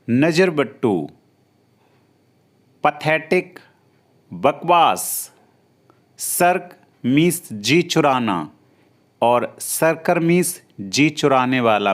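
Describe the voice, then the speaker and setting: A man teaching English vocabulary, saying each English word and then its Hindi meaning, rising on the word and falling on the meaning. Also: fairly high pitch. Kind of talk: vocabulary drill lesson.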